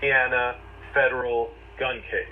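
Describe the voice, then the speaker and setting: A man's voice: medium pitch, little pitch movement, normal speed. A man giving a conversational legal explainer, telling it step by step in emphatic short phrases. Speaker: legal commentator. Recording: distant, dull, noisy replayed audio.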